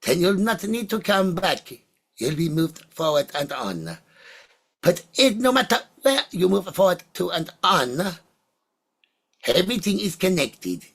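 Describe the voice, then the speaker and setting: Husky, halting seance medium in trance, sex ambiguous. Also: medium pitch, big pitch swings, fairly bright tone. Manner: halting, deliberate phrasing in short fragments, oracular. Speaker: trance medium channelling spirits. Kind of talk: trance channelling talk in the manner of a seance medium, answering questions.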